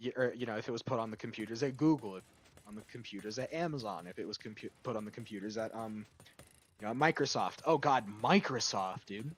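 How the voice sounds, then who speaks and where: A young adult man chatting casually on a stream, rambling and swearing, breaking into loud rants. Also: mid-range voice, fast talker, breathy edge. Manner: rambling, profane, bursts of loud ranting. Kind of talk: casual chat.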